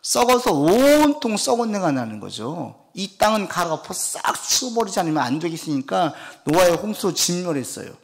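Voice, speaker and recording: A man preaching a weekday sermon as a pastor, moving between animated, acted-out lines and a soft, quiet plea to pray. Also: high-pitched, moderate pace, gravelly, hardly any pauses. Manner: animated preaching, acts out God's and parents' lines; drops to soft, quiet delivery when urging prayer. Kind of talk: Wednesday sermon, Bible exposition.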